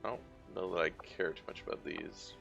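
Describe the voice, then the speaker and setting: A man's voice: low-pitched, steady tone, fairly quick, vocal fry, a bit bright, dull audio, soft background music. A man giving casual gameplay commentary, muttering and thinking aloud as he plays. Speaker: video game streamer.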